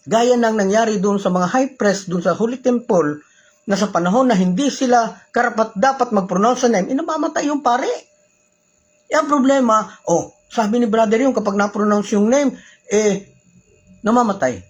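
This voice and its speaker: A man's voice: high voice, moderate pace, breathy edge, poor audio. A Filipino man with a Filipino accent, teaching religious law in a casual way, switching between Tagalog and English, using polite particles and asking rhetorical questions. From Philippines.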